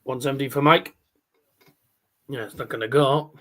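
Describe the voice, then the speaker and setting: A man's voice: mid-range voice, fairly even intonation, normal speed, fairly bright tone. A man giving casual live darts commentary as a stream host, chatty and rambling, with scores called out like a darts caller.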